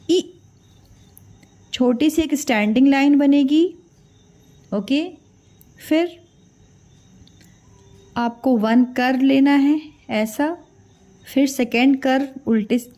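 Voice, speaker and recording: Slow, patient high-voiced woman teacher. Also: mellow. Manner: patient, repeats each sound and quizzes the children; mixes English drawing words into her talk. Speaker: Hindi teacher. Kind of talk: children's alphabet lesson.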